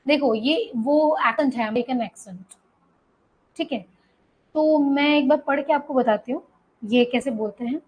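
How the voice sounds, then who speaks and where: A woman's voice: high voice, moderate pace, long pauses, darkish tone, husky, rough recording. A woman teacher lecturing students in Hindi, explaining an English story line by line and checking in with them as she goes.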